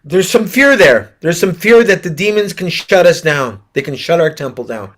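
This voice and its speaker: A man running a video call, brisk and friendly, guiding a guest and asking him questions. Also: a little high, expressive, a bit bright. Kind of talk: casual discussion on a video call. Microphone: video call mic.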